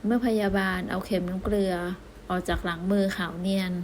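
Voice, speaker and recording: A woman's voice: medium pitch, fairly even intonation, a little fast, a little hiss or hum. Woman narrating a romance novel. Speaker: audiobook narrator.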